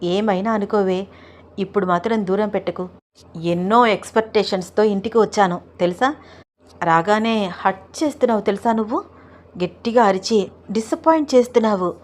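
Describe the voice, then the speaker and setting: A woman's voice: a little mellow, close to an everyday voice. Woman voicing an insistent young husband. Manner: slow, low, coaxing insistence.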